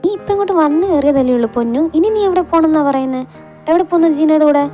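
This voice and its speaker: A woman's voice: a little high, fast, dark tone, soft background music, natural voice. A woman voicing a worried middle-aged mother who keeps questioning her daughter, in an amateur audio drama. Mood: scolding. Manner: scolding, questioning.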